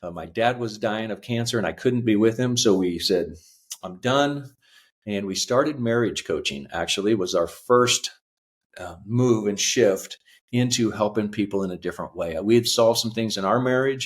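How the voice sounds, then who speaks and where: A man in his fifties, a podcast guest telling his life story earnestly, halting with fillers. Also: fairly low pitch. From United States. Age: 50s. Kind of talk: reflective personal storytelling.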